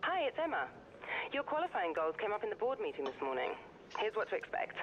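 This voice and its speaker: A woman voicing a businesslike racing team staffer who leaves a brisk voicemail in a video game. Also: mid-range voice, very animated. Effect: voicemail played from the game. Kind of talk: scripted video game dialogue. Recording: dull lo-fi voicemail audio.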